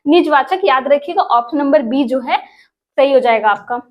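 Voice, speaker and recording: Woman teacher w/ a high voice, quizzing viewers n repeating answers. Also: normal speed, dull audio. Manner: addresses viewers as friends, asks and repeats answers. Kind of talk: exam prep lesson.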